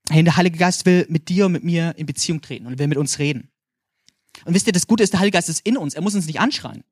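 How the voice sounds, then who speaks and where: A young man from Franconia with a Franconian German accent, preaching a sermon in an energetic, animated way, often calling out "hey" and asking "ja?". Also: on the high side, fast, dry recording, clean studio sound.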